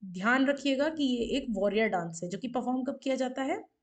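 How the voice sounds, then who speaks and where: A woman's voice: sits high, a little fast. Woman teacher explaining with mnemonics. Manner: explanatory, repeats questions and "ठीक है" often. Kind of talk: exam-prep lecture with mnemonics.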